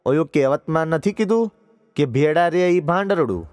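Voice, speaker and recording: A man's voice: fairly high pitch, expressive, moderate pace, a little mellow, dry recording, clean studio sound, voice pushed up, close to an everyday voice. A man voicing a blunt, bossy, toothless old village aunt who cackles and speaks in rustic dialect. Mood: scolding.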